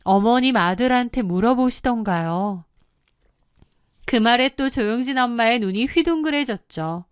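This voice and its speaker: Smooth-voiced woman telling her story. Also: on the high side, lively intonation, moderate pace, no room sound, studio quality. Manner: confiding, matter-of-fact. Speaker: narrator. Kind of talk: first-person storytelling narration.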